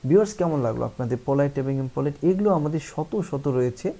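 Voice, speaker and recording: A man giving a spoken English lesson, reading English phrases slowly and carefully and checking in with "right?". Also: mid-range voice, lively intonation, mellow, slight background noise. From Bangladesh. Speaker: English teacher.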